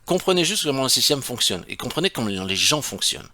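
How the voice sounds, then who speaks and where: A man's voice: mid-range voice, very animated, fast talker, pushed and bright. A man, an e-commerce consultant explaining in a casual, emphatic way and asking his viewers rhetorical questions. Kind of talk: screen-share tutorial.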